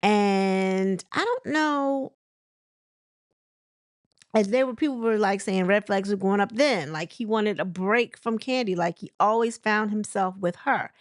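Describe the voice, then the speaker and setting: A woman's voice: medium pitch, measured pace, no room sound, clean studio sound. Chatty woman rambling through celebrity gossip. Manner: rambling, filler-heavy with frequent restarts; chatty and conversational. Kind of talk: casual commentary.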